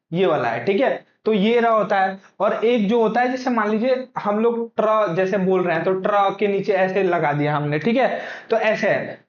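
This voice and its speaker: A man teaching for exam prep, who keeps asking his own questions and then answering them. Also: high voice. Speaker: Hindi teacher. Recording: echoey room, dull lo-fi sound.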